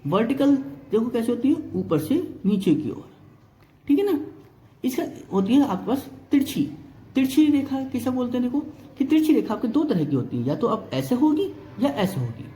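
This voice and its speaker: A man's voice: very high voice, very animated, moderate pace, warm tone, roomy sound. A male reasoning teacher giving an exam-prep lesson, explaining step by step, counting items aloud and often checking whether students follow.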